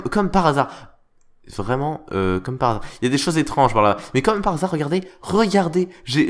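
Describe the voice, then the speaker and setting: Hesitant, mock-formal game commentator man. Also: on the high side. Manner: mock-formal, theatrical, hesitant with many fillers. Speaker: let's play host. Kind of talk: semi-roleplay game commentary.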